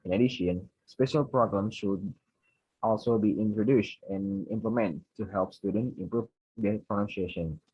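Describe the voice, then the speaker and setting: A young Indonesian man speaks English with his Indonesian accent, presenting study tips for a class assignment. His voice sits a little low and husky, and he reads his points haltingly and corrects himself often. The recording is dry and muffled, with a lo-fi dullness. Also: no room sound. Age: young adult. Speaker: university student presenter.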